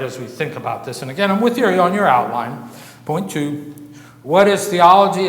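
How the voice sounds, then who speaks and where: An American man preaching a sermon-style lecture, halting and repeating words, earnest and emphatic. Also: medium pitch. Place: church. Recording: echoey church hall.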